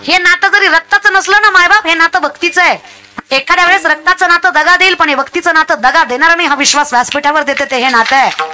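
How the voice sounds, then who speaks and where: A woman's voice: extremely high pitch, fast, pushed and bright, soft background music. A woman preaching a comic devotional sermon, scolding the crowd and mimicking villagers. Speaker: kirtan preacher.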